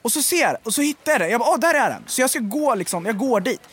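A man with a high, very lively voice rants his way through a casual podcast chat. He swears freely and acts out the people who annoy him. His pitch leaps up and down as he tells it. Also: breathy edge. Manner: animated, swearing ranter acting out encounters. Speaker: podcast co-host.

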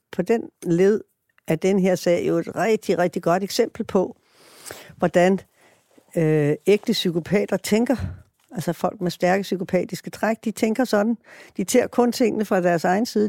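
A woman's voice: mid-range voice, dark tone, dry recording, clean studio sound. A middle-aged woman prosecutor talking earnestly and reflectively in a documentary interview, often restarting her sentences.

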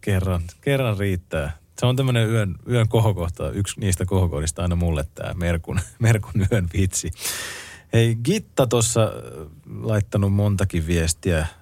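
A male night radio co-host with a fairly low voice on a close studio mic. He reads listener messages and song requests in an easygoing, conversational way. The sound is dry. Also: a little mellow, no echo. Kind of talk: casual late-night radio chat. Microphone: close studio microphone.

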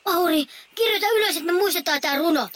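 A little squirrel brother from a children's audio story, high-voiced and curious, a bit lazy and whiny. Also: a bit bright, a little hiss or hum.

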